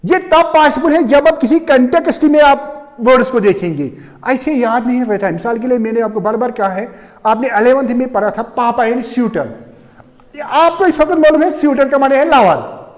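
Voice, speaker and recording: A man's voice: very high voice, moderate pace, big-room sound. A male English teacher giving a classroom lecture, explaining step by step and checking again and again whether the students understand. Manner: repeats "do you understand?" often, explains step by step.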